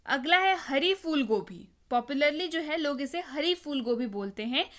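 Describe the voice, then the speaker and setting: Bright high-voiced woman teaching vocabulary. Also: expressive, unhurried. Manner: explains patiently, repeats words and quizzes the viewer. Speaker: English teacher. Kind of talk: vocabulary lesson.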